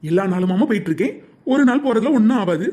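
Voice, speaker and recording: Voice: mid-range voice, expressive, fast talker, darkish tone, natural voice. A performer voicing a patient young married son in a cartoon, reasoning and pleading in a Tirunelveli Tamil accent. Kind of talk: cartoon voice acting.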